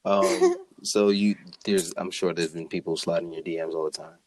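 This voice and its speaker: A woman co-hosting a podcast, asking short questions and chiming in with quick agreement. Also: extremely low pitch, fairly even intonation, a little mellow, dry recording. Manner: brief agreeing backchannels. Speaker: podcast co-host. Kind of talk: casual interview chat.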